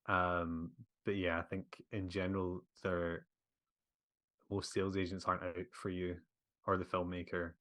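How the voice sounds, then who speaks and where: A man with a very low, deep voice, recorded close and dry. He gives measured advice as a guest, pausing with frequent fillers. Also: flat delivery, fairly bright tone, no echo. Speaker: film director guest. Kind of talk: casual interview conversation.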